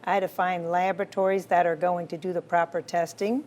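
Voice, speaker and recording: A woman doctor answers interview questions in a somewhat low voice. She explains her cases with steady confidence and keeps affirming with a quick "right.". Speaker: physician, guest.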